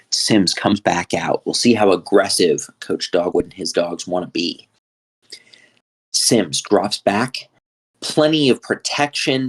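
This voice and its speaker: A man giving play-by-play commentary on a football game, with steady, conversational calls and frequent fillers. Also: lowish voice.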